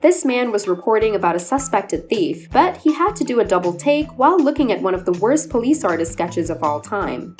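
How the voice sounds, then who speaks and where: A woman's voice: mid-range voice, sing-song, a little fast, hardly any pauses. A woman reading scripted narration as the narrator of a video compilation. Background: background music.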